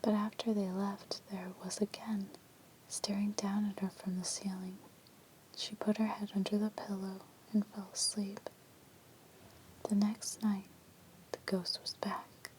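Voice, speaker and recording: A woman reading creepy legends as an ASMR storyteller in a hushed, breathy whisper. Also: medium pitch, level tone, measured pace, slight background noise, rough recording.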